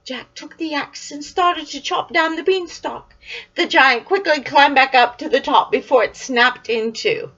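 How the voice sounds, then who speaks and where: An older woman reading a children's storybook aloud, animated, dropping into whispered asides, recorded with a dull lo-fi sound. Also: high-pitched, measured pace.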